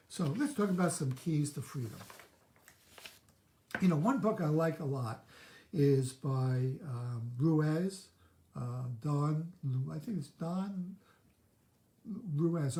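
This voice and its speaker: A man hosts a live-streamed self-help teaching show, reflecting candidly on his own reactions. His voice sits on the high side and is mellow, with a reverberant sound.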